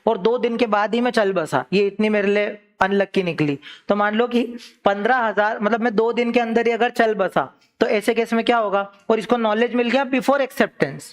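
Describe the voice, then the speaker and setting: A young male teacher with a high voice runs a quick law revision in a chatty classroom way. He speaks straight to his students with everyday examples and drops to a slow, careful pace whenever he reads a legal term. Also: steady tone. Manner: slows down to read English legal terms.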